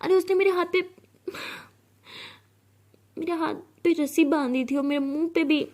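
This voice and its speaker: Woman doing a scared sweet young woman, stammery and pleading, high voice. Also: normal speed, darkish tone. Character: gentle, timid young woman, easily frightened.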